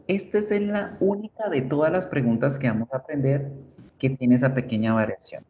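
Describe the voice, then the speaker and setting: A man teaching an online English class, explaining slowly and checking in with short questions. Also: mid-range voice, mellow, muffled recording, a little hiss or hum.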